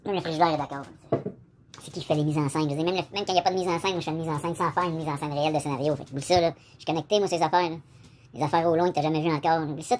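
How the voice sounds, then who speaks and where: A man's voice: a little high, slight background noise. A man with a Québécois French accent, rambling in a casual vlog monologue and speaking straight to the viewer. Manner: meandering, addresses the viewer directly, frequent filler "là". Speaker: vlogger.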